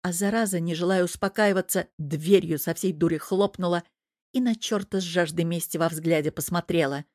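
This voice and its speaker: A woman narrates an audiobook in a steady, even manner. Her voice sits on the low side, and the recording is dry and close-miked. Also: moderate pace, dry recording. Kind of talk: scripted narration.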